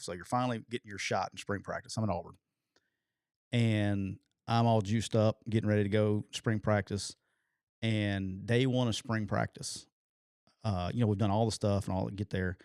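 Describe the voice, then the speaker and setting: A man, telling a long, animated and profane story as a podcast co-host. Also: lowish voice, normal speed, clear, resonant tone, dry recording, clean studio sound. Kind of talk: casual storytelling chat.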